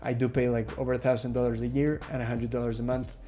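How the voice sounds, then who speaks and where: It's a casual live Q&A: an Ecuadorian host reads viewers' questions and talks with them in a loose, chatty way, pausing often with fillers. His voice sits at a normal middle pitch, and soft background music plays faintly.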